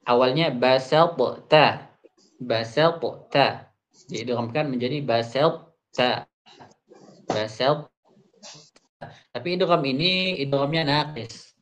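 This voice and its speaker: A man teaching Quran recitation rules, explaining an Arabic text step by step, repeating each example slowly. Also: mid-range voice. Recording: dull muffled online audio.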